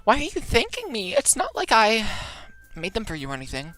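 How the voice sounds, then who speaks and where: A man voicing a bratty, defensive teenage girl in a squeaky falsetto. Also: wildly swooping pitch, brisk, bright, forceful tone, faint music behind, heavily acted. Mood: huffy. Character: bratty tsundere teen girl Natsuki.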